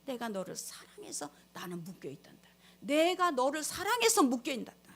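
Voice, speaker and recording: A woman preacher voicing a gentle male divine voice in a soft, hushed, tender whispered role-play. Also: high voice, big pitch swings, fairly quick.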